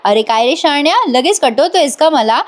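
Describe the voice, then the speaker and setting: A woman's voice: high-pitched, animated, normal speed. Woman reading as a chatty, teasing young woman. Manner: chatty, familiar.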